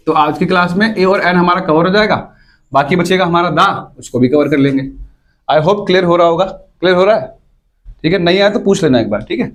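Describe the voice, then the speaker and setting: Guy teaching a grammar class, fairly high voice, keeps asking "clear?" and going over stuff again. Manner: keeps checking whether students follow, repeats points. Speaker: English teacher. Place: classroom with students.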